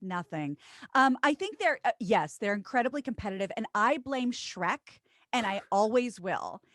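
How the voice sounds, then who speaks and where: A woman in her thirties, a radio co-host and voiceover artist, chatting as a guest with self-deprecating asides in a trained low broadcast voice. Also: lively intonation, normal speed, a bit bright, no room sound, clean studio sound. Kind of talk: casual interview chat.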